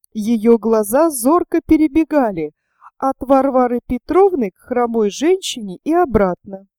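Woman audiobook narrator, high voice, slow measured delivery, mellow tone. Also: no room sound, clean studio sound. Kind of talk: scripted literary narration.

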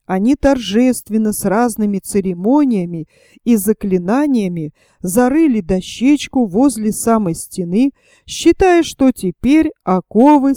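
Slow, mellow woman reading a story. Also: medium pitch, no echo, studio quality. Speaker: audiobook narrator. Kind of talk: scripted storybook narration.

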